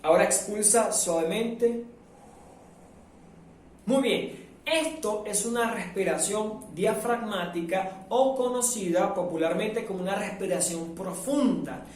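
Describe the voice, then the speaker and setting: A man from Venezuela teaching a live online public speaking workshop, lively and demonstrative, acting out the sounds he describes. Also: sits high, slight background noise. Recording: very echoey room, mic at a distance.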